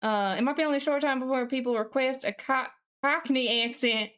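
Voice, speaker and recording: On a live stream, a woman with a distinctly high, fairly bright voice talks a little fast and casually while she works at her computer. She's putting on a Southern US accent, speaking in a folksy way with some mild swearing.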